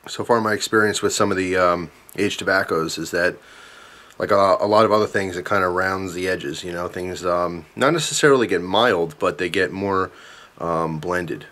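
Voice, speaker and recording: A man in his thirties giving a casual, chatty product review in a halting, thoughtful way, pausing between short phrases. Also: low-pitched, fairly bright tone. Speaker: pipe tobacco reviewer.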